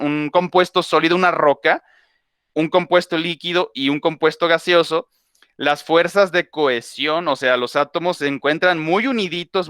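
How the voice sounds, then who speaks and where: A man's voice: a little high, fairly bright tone, clear, resonant tone, no room sound, clean studio sound. A man teaching a class, explaining in a loose, conversational way with homely examples and frequent self-corrections.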